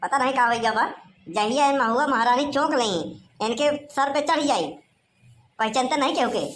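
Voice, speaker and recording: A woman's voice: high voice, normal speed, slight background noise, natural voice. A woman voicing an easygoing young village man in a cartoon, with an Awadhi accent and a chatty, teasing manner. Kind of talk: cartoon voice acting.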